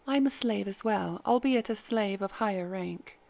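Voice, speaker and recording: A woman reading the part of a calm, kindly head maid who speaks gently and formally. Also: mid-range voice, normal speed, vocal fry, close to an everyday voice. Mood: gentle.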